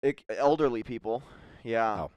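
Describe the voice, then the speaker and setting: A man's voice: mid-range voice, a little slow, a little mellow, clean tone, dry recording. A young man in casual chat among friends, laid-back, swearing freely and calling everyone dude and man.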